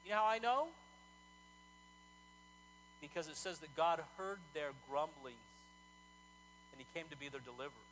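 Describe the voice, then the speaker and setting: A male pastor preaching a sermon in a conversational, animated way, often repeating words as he talks. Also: a little high, normal speed, long pauses, slight background noise, rough recording.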